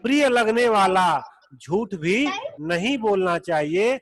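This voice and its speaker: A man teaching a Sanskrit class over a video call, explaining slowly and patiently, repeating each point. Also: high-pitched, expressive, a bit bright. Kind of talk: online class lecture. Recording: long echoey reverb.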